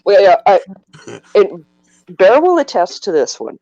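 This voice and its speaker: A man's voice: high-pitched, huge pitch swings, measured pace, darkish tone, highs cut off. A man hosting a casual podcast chat from his apartment, rambling and repeating words as he tells a story. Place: apartment at home.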